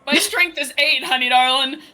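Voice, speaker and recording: A woman's voice: high-pitched, moderate pace, over a noisy crowd. A woman playing a tabletop game, chatting casually and informally as one of the players. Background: music.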